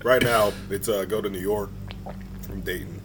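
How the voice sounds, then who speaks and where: A man co-hosting a podcast in casual banter, laid-back and deadpan, stubbornly brushing off his friends. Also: on the low side, moderate pace, a little hiss or hum. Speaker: podcast co-host.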